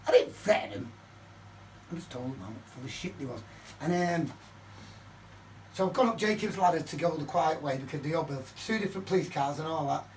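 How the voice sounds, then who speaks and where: An older man, from Manchester, telling a story to camera in his flat, swearing constantly and ranting heatedly. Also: fairly high pitch, fairly quick, pauses often. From Manchester, England. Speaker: vlogger. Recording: distant mic with faint background noise.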